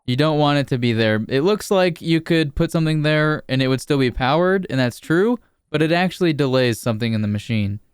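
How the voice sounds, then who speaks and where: Higher-voiced man, steady tutorial cadence. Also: a little fast, few pauses, clean tone, dry recording, clean studio sound. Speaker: tutorial YouTuber. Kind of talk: casual game building tutorial narration.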